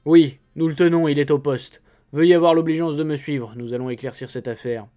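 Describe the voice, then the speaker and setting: A man voicing a brisk, self-assured swindler posing as a police inspector in a read-aloud story. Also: fairly high pitch, steady tone, warm tone, close to an everyday voice. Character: smooth-talking fake police inspector, brisk.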